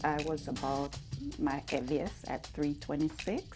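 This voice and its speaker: A middle-aged woman from Jamaica, giving measured, reflective answers in an interview about her wellness business. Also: deep voice, music in the background.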